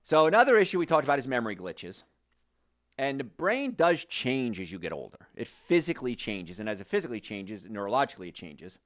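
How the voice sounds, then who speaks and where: Lively-voiced man from New Jersey hosting. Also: medium pitch, a little fast. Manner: animated, conversational, direct to listeners. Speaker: health show host. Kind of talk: promotional health podcast talk.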